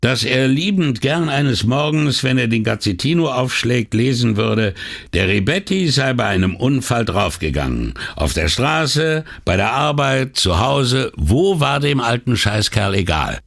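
A man doing a coarse, boastful older workman with a raised, lively voice that keeps swinging up and down. He gossips bluntly, pleased with his own cleverness, and his tone has a gravelly edge, as in an audiobook reading. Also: medium pitch, unhurried, pitched above the performer's own voice, exaggerated voice. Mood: gossiping. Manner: gossipy, blunt, proud of himself.

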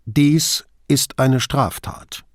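A man's voice: mid-range voice, drawn-out words, no echo, studio quality. A male reader voicing a composed police commissioner who speaks formally and firmly. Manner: formal, firm.

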